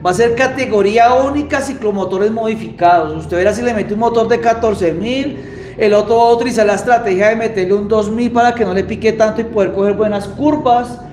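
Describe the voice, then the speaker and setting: Hosting a casual live stream to announce a championship, a high-voiced Colombian man talks fairly quickly with a slightly mellow tone. He's indoors in a small motorbike workshop, and the recording picks up room echo and clear background noise.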